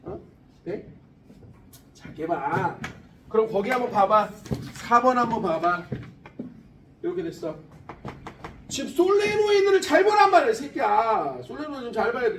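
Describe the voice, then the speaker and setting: A man in his forties teaching a high school science class, blunt and teasing, swearing often. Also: expressive, moderate pace, long pauses. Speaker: science tutor. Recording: classroom recorded from a distance, faint room noise.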